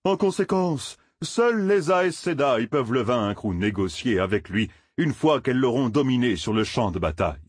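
Man putting on a sly showy peddler, slow and drawn out, husky, voice rises and falls a lot. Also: mid-range voice, lively intonation, dry recording, clean studio sound, pitched above the performer's own voice. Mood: grandiose. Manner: drawn-out, pompous storytelling. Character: sly theatrical male traveling peddler. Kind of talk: audiobook character voice.

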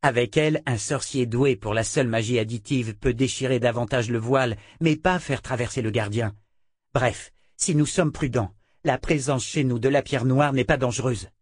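A man reading an audiobook, voicing an excitable young male scholar who talks in eager bursts. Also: medium pitch, normal speed, no echo, clean studio sound, lightly acted. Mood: explaining. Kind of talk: audiobook character voice.

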